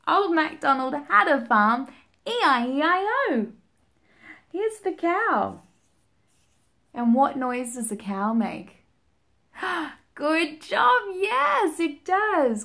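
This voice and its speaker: A young woman reading and singing a picture book for young children, animated and sing-song, making animal noises and asking the child to join in, filmed up close in a small room. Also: high voice. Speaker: children's storytime reader. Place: small indoor room, seated at home.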